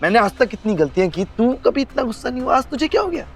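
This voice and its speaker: An actor playing a defiant, hot-headed younger brother who shouts back in a raw, gravelly voice. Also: male voice, extremely high pitch, very animated, fast, soft background music, exaggerated voice. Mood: defiant shouting.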